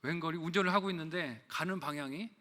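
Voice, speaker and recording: Brief: middle-aged male pastor, bright raised voice, church sermon with long reverb, storytelling with rhetorical questions. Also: a little high, quick pace. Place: church sanctuary.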